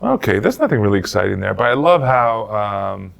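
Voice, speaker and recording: A man's voice: on the low side, very animated, a little fast, vocal fry, a bit bright. A man from Slovakia co-hosting a podcast, chatting casually and teasing with jokes. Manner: joking, teasing banter. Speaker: podcast co-host. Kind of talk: casual chat.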